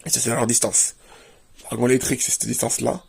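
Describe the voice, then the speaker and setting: Man, gravelly voice, husky tone, casual show-and-tell, plain item-by-item listing. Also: medium pitch, fairly even intonation, fast talker. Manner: plainly lists items while leafing through a book. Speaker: video creator.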